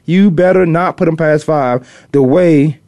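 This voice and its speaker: On a dry recording, a middle-aged man from Virginia, US East Coast, hosts casual sports talk with a fairly high pitch, measured pace and warm tone. The ex-pro defensive back is opinionated and meandering, often repeating himself for emphasis.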